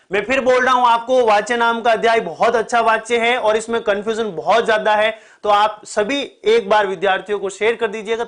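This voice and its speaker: High-voiced male teacher with a sore throat. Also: a bit bright. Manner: repeats key points, asks the class to answer quickly. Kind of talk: online exam-prep grammar lesson.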